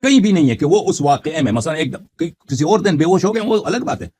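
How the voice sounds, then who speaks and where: A man in a heated religious debate, forcefully quoting Arabic texts and accusing his opponent. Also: a little high, very animated. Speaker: Shia debater.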